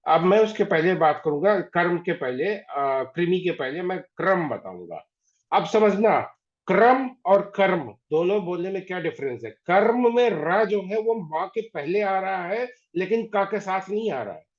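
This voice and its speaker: A man teaching an online class, patiently repeating words slowly to drill pronunciation. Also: sits high, expressive. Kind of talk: online class on Hindi spelling. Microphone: video call. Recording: dull lo-fi video call audio.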